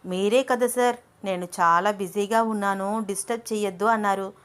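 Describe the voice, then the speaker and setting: A woman's voice: steady tone, fairly quick, clear, resonant tone, lightly acted. A woman doing a jealous, fiery young woman. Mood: pleading. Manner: sharp, indignant, raised pitch. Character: young woman, jealous, quick-tempered, lovestruck.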